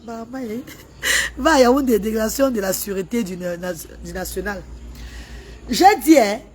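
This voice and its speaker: A woman's voice: mid-range voice, moderate pace, darkish tone, slight background noise. Emphatic woman livestreaming. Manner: emphatic, repetitive, pleading and scolding. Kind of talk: livestream rant.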